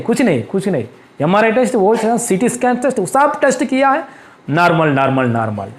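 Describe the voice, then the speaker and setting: High-voiced fervent male preacher. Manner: fervent, repeats hallelujah constantly. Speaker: pastor. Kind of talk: sermon. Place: church.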